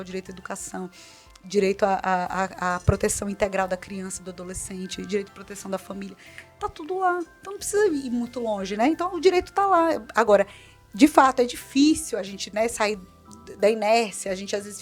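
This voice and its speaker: A middle-aged Brazilian woman speaking as a guest in an interview, earnest and animated, repeating points for emphasis. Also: mid-range voice, fast, faint music behind. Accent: Brazilian Portuguese. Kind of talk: conversational interview.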